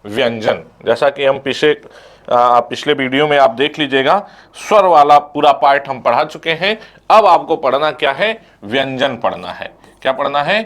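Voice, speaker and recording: A man's voice: medium pitch, moderate pace, fairly bright tone. A young man teaching an exam coaching lecture, who asks questions and answers them himself and recites letters one by one.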